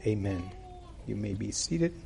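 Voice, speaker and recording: A male preacher speaks into a pulpit microphone at a church service, taking his time over every phrase. His voice has a gravelly, creaky edge, and he pauses often to gather his words. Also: on the low side, animated, warm tone, a little hiss or hum. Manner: unhurried, deliberate, with frequent pauses and fillers. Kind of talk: sermon with prayer.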